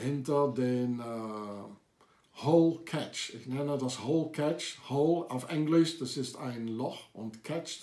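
A man's voice: mid-range voice, a little mellow, echoey room. A man delivering an accusatory, insistent monologue to camera, with frequent hesitations. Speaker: video maker. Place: lives in France.

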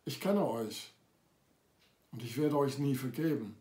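A man's voice: mid-range voice, unhurried, mellow, echoey room. A man delivering an accusatory, insistent monologue to camera, with frequent hesitations. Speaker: video maker. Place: lives in France.

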